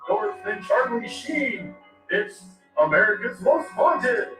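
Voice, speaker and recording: A sarcastic male game-trailer announcer rattles off jokes and shouted pinball callouts. His voice is high and lively. It sounds roomy and slightly distant over trailer music. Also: slow pace, full character voice. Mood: mocking. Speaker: trailer narrator. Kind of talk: jokey promo narration.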